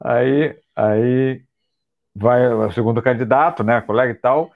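A man co-hosting a comedy chat, telling jokes in a halting way and repeating his words. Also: medium pitch, phone-quality sound. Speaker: comedy podcast co-host.

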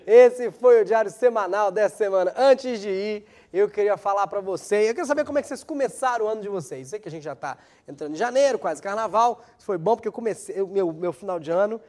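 A man with a high-pitched voice hosts a weekly comedy segment in a loose, rambling stand-up style. He mocks himself and laughs at his own jokes as he goes. A new dental aligner slightly hampers some of his syllables. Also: expressive, fast, hardly any pauses, mellow. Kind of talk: stand-up style comic monologue.

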